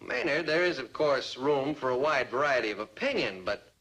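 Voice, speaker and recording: Pompous male teacher, sharp animated voice, florid diction, exasperated, old TV sitcom. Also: medium pitch, moderate pace. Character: pompous, long-suffering male schoolteacher. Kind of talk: 1950s-60s TV sitcom acting. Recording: faintly noisy old TV soundtrack.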